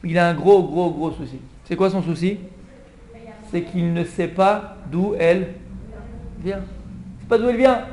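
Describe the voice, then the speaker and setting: High-voiced rabbi telling the purim story, acts out the king begging, echoey room with a faint hum. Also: unhurried, long pauses. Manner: lively storytelling, acts out the king's pleading. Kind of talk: Purim Torah class. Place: classroom with a small audience.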